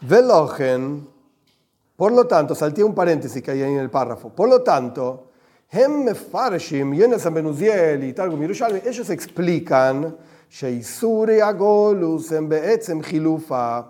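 A man with an Argentine Spanish accent gives a religious class, animated and joking, with Hebrew terms mixed in. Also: a little high, measured pace. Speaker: religious teacher. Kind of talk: lively class with everyday examples.

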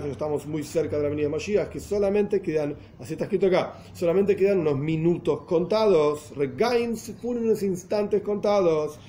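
A man teaches a religious lesson, working through each idea carefully and rephrasing as he goes. His voice sits a little high but sounds mellow and warm. A faint hiss of background noise runs under the recording. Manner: earnest, explains step by step, often restating and rephrasing. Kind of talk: explanatory lesson in Spanish with Hebrew and Yiddish terms.

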